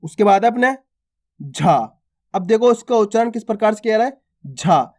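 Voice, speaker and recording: A man giving an alphabet reading lesson. He stretches each letter sound slowly and carefully, then repeats simple example words. He talks to his viewers as friends and keeps asking whether they have understood. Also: extremely high pitch, fairly even intonation, a little mellow. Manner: addresses listeners as friends and asks if they follow. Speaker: Hindi reading teacher.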